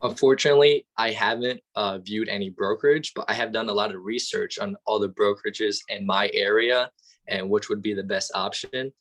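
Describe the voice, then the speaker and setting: A man's voice: lowish voice, a bit bright. A young man, eagerly answering interview questions as a guest over a video call. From Albania. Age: young adult. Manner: eager, enthusiastic, talks quickly in short bursts. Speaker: guest, real estate student.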